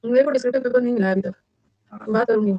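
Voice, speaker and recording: Indian woman, exam tutor, brisk and chatty, dry muffled mic. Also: on the high side, dry recording. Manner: fast, chatty, switches between Hindi and English. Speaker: English teacher for competitive exams. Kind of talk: live online class.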